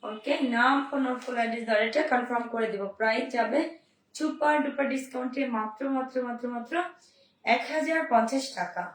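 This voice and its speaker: A young woman from Bangladesh, hoarse today, selling clothes on a live stream with upbeat, repetitive calls to her viewers. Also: a little high, fast talker. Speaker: online clothing seller. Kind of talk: live-stream sales pitch. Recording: roomy, mic at a distance.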